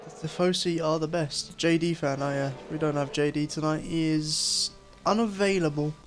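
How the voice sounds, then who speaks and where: A man's voice: on the high side, steady tone, normal speed, soft background music. A man co-commentating on an online sim race in a laid-back way, with dry asides. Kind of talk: casual live race commentary.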